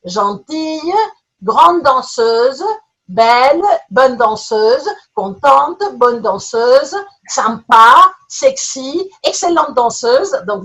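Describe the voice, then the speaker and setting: Husky woman leading a playful webinar. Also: high-pitched, poor audio. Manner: reads chat answers aloud in quick lists, playful and animated. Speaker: teacher trainer running a webinar game. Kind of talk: online webinar demonstration. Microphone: computer mic on a video call.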